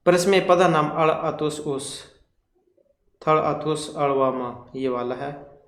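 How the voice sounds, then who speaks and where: A man's voice: on the high side, slow pace, fairly bright tone, roomy sound. A man teaching an exam-prep grammar lesson, explaining each question step by step and reeling off lists of terms.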